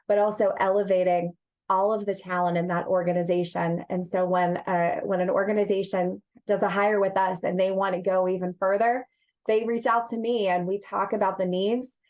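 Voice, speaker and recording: A woman's voice: medium pitch, a little mellow. A woman answering as an interview guest, talking about her work in an earnest, emphatic way with repeated phrases. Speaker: interview guest, executive search partner and HR director.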